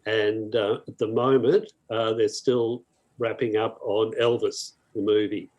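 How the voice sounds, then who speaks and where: An older Australian man, a podcast guest, talking in a relaxed, informative way. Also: lowish voice, measured pace, highs cut off. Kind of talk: casual interview talk.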